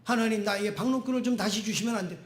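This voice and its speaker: A grown prophet whines and pleads with God in a high, strained voice, as a pastor acts him out. The church around him is echoey. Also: male voice, very fast, natural voice. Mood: complaining. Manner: whining, pleading. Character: sulking complaining prophet, grown man.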